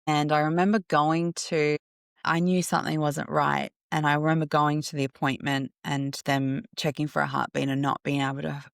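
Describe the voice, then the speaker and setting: Woman, podcast host, candid personal storytelling, reflective, gravelly fry in the voice. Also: low voice, level tone, moderate pace, no echo, clean studio sound. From Australia. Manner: candid, reflective, searching for words.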